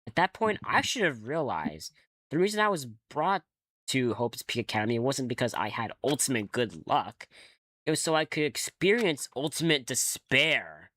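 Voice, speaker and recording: A man voicing a nervous, bewildered new male high-school student, reading the game's first-person narration aloud. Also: sing-song, moderate pace, a bit bright, no echo. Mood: dazed.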